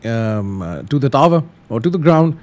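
Speaking at a normal speed with a medium, sing-song pitch and a slightly mellow quality, the man hosts flight simulator tutorials. His explanations are relaxed and step by step, with simple instructions said more than once.

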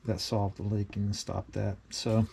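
Middle-aged man, casual workshop how-to, mellow tone, plainspoken, faint shop noise. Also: fairly low pitch, normal speed, vocal fry. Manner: relaxed and plainspoken, many fillers. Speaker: DIY maker showing a build. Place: cluttered home workshop.

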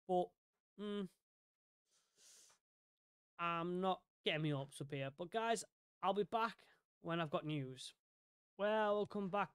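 A man's voice: on the high side, smooth, no room sound, clean studio sound. Rambling man narrating his gameplay. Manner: rambling, self-correcting. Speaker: gaming YouTuber. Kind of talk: casual game commentary.

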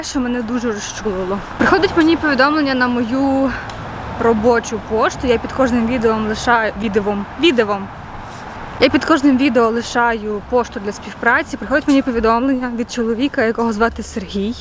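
Young woman vlogging on the street, phone at arm's length, kinda high voice, chatty and jokey, faint traffic behind. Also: brisk. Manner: chatty, playful, jokey asides to camera. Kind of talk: casual walking vlog. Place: outdoors on city streets and in a park. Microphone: handheld phone at arm's length.

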